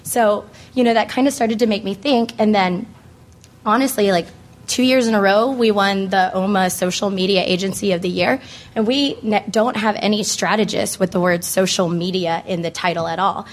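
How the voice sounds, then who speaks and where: An American woman moderating a panel, hoarse from laryngitis, speaking in a casual, conversational way with plenty of filler phrases like "you know". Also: mid-range voice, normal speed. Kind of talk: informal panel introduction to an audience.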